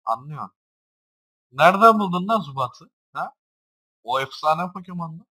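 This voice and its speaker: A young man casually commenting on his own gameplay, swearing constantly and jumping between low mutters and loud shouts. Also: expressive, normal speed, rough recording.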